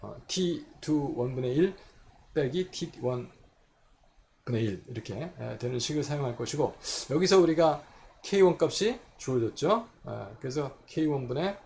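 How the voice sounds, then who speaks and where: A man lectures on chemistry in a medium-pitched, gravelly voice. He works through each equation step by step and answers his own questions as he goes. A faint hiss sits under the recording. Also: darkish tone.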